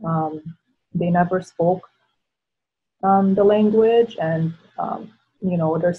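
A woman in her thirties, born in the Philippines with Tagalog as her first language, speaks as a panel guest from her living room through a laptop webcam. Her voice is lowish, slow, and a little breathy as she reflectively and casually tells her personal story, full of ums and likes. The video call audio sounds tinny.

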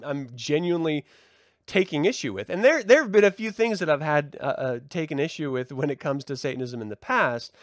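His voice leans high with a fairly bright tone as he reflects aloud in a live monologue for online listeners, using rhetorical questions and emphatic stresses. The speaker is a reverend and livestream host, and the recording is dry and studio quality.

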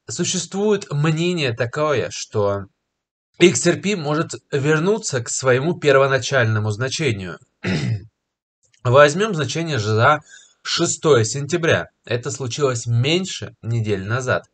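A slightly ill young man, clearing his throat and coughing, confidently and persuasively pitches crypto as a market commentator, pausing with filler words. His voice is expressive and a bit bright, captured by a webcam shown in a corner of a screen recording as he does market analysis to camera from a small indoor room.

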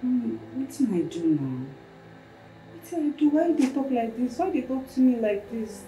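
A woman's voice: lowish voice, animated, moderate pace, dark tone, slight background noise, natural voice. A young Nigerian woman playing a former housemaid from a village in a film drama. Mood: pleading. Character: young woman from a village, once a family's maid. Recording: echoey room, voice from a distance.

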